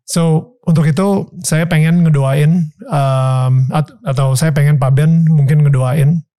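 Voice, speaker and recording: A man's voice: on the high side, fairly even intonation, takes it slowly, dark tone, no echo, studio quality. A man hosting an interview, mostly giving short affirming replies. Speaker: host. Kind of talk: interview chat.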